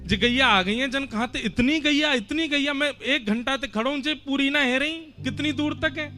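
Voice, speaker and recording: A man voicing a simple young male cowherd, speaking high, innocent and coaxing. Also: moderate pace, pushed and bright, faint music behind. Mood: amazed.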